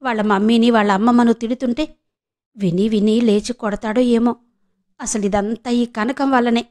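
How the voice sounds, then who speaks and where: A woman's voice: on the high side, steady tone, normal speed, a little mellow, close to an everyday voice. A woman voicing an anxious older grandmother who frets and mutters to herself. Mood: worried.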